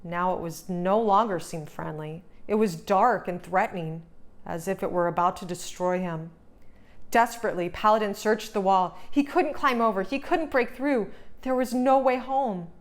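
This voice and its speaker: Here a woman reads a children's storybook aloud as host, her delivery full of drama and expression. She speaks at a normal speed with a medium-pitched voice.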